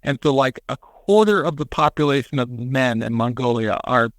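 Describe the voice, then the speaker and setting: A man on a podcast, retelling a story in casual chat, animated and acting out quotes with casual swearing. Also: mid-range voice, normal speed, dry recording. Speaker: podcast co-host.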